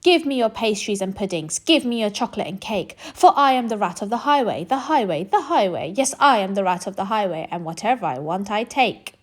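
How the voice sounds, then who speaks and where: A woman voicing a greedy, boastful male rat highwayman in a storybook, with a bullying sing-song chant. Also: lively intonation, a little fast, few pauses, close to an everyday voice. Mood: blustering.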